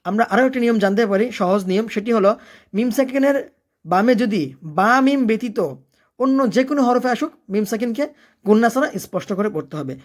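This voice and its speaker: A Quran recitation teacher giving a step-by-step lesson. The teacher chants each word in a slow, long-drawn way, then explains the rule quickly and asks and answers their own questions. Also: mid-range voice. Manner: leads the learner, asking and answering its own questions.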